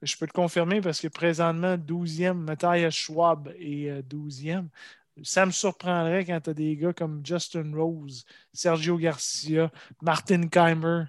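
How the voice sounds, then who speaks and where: A man's voice: fairly high pitch, little pitch movement, measured pace, dry recording, studio quality. A man with a Québécois accent chatting casually about sports as a podcast co-host.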